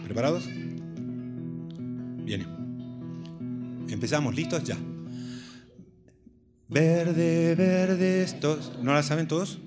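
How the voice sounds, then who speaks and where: A man's voice: on the high side, animated, a little slow, pauses often. A man performing a live children's show, leading the audience in a singalong and telling riddle jokes, laughing along as he goes. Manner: playful, leads call-and-response, laughs at own jokes. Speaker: children's singer. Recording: live concert recording with loud guitar music.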